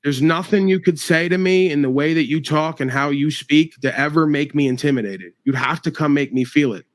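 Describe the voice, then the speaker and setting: A man's voice: on the high side, brisk. Profane New man ranting. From New York. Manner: profane, confrontational, mocking. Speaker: livestreamer. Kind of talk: angry livestream rant.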